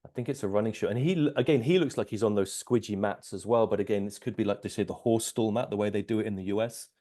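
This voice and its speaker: A man giving casual coaching commentary, explaining in a measured way and checking for agreement. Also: fairly low pitch, mellow. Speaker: strength coach, host.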